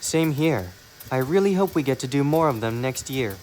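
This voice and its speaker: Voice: mid-range voice, animated, normal speed, a little mellow, a little hiss or hum, natural voice. A performer voicing a friendly, slightly unsure talking train in a cartoon. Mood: curious, mild.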